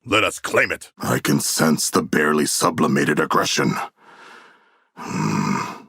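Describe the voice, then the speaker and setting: An actor playing a huge, proud, bookish male shark warrior in a video game, speaking in formal, stilted, literal-minded phrases with a gravelly, husky voice. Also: a bass voice, very animated, slow, pushed and bright, dry recording, clean studio sound, full character voice. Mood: earnest, matter-of-fact. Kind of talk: video game character voice lines.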